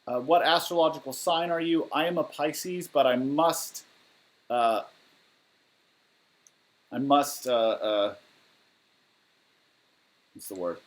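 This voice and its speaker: A musician in his 30s from Southern California hosts a laid-back livestream Q&A from his living room, reading viewer questions candidly and matter-of-factly while rambling with fillers. He speaks slowly in a mid-range voice, pausing often, and the rough audio comes from a webcam or laptop mic at his desk.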